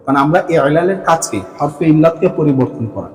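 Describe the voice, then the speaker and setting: A man's voice: a little high, lively intonation, fast talker, long reverb tail, soft background music, low-quality recording. A Bengali-speaking man teaching an Arabic grammar class. He asks questions and then answers them himself.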